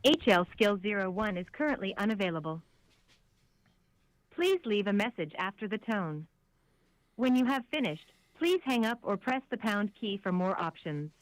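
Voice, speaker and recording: A woman's recorded voice on an automated phone menu, heard over a landline phone, reading prompts in a measured, even way. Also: mid-range voice, poor audio.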